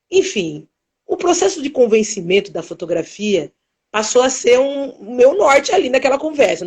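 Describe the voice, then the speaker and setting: A woman photographer telling stories in a live interview, acting out the dialogue with expressive voices. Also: fairly high pitch, breathy edge. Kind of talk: animated storytelling in a live interview. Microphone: live stream.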